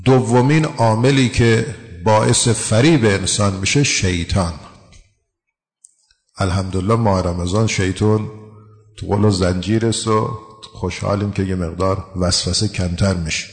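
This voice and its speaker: A man's voice: fairly low pitch, big-room sound. A man giving a religious lecture, explaining a text and asking his listeners rhetorical questions.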